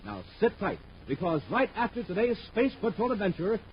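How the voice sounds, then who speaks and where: A man announces and narrates in 1950s radio style, emphatic and dramatic like a showman, on an old recording. His voice is high-pitched with big pitch swings and a moderate pace, and the radio recording sounds muffled with faint noise.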